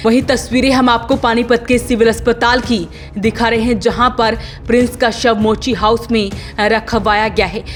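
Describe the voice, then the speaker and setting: A woman's fairly high voice reads a scripted news report over a faint music bed. She keeps a steady, formal tone.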